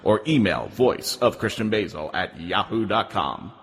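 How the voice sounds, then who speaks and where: A man's voice: fairly low pitch, animated, measured pace, fairly bright tone, slightly rough. A man reading a voice-over demo, jumping between playful put-on voices. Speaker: voice actor demo.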